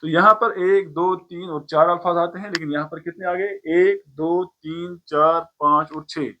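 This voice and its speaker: Man teaching, fairly high voice. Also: fairly even intonation, normal speed, bright, forceful tone, highs cut off, a little hiss or hum. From Kashmir. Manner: patient, explains step by step and counts words aloud. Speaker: language teacher. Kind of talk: explanatory lesson on pronunciation.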